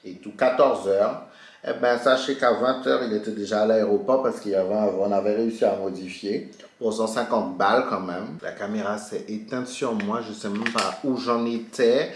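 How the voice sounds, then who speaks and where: A man's voice: moderate pace, echoey room. A man telling a story in a casual chatty way while doing his makeup, acting out dialogue with big jumps in his voice. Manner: animated, re-enacts dialogue with big pitch jumps. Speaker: beauty vlogger.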